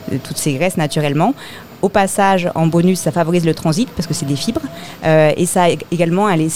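A woman's voice: low voice, warm tone, a little hiss or hum. A woman explaining a supplement at a live talk, technical and hesitant, with many fillers. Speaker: product expert guest.

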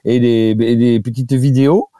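A man's voice: medium pitch, steady tone, normal speed, mellow, no echo, studio quality. A man, a guest doctor, chatting casually on a radio show and hesitating with many fillers and restarts.

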